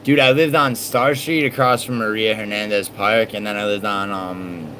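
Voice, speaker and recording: Low-voiced, profane New livestreamer. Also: male voice, fairly even intonation, moderate pace, bright, forceful tone, a little hiss or hum, poor audio. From born in Italy, raised in New York. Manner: rambling, profane, trailing off mid-sentence. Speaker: livestream host. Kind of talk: casual livestream chat, reading viewer messages.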